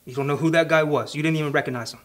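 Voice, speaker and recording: A man's voice: fairly high pitch, fairly even intonation, very fast, lightly acted. A man in his thirties acting as a tough, sardonic police detective, blunt and probing in a naturalistic interrogation scene. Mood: hard, accusing.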